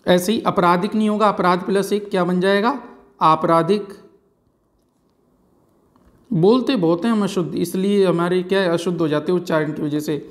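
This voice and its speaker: A man teaching grammar in an exam-prep lecture, slowly repeating key words and often checking in with "है ना" and "ठीक है जी". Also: high voice, fairly even intonation.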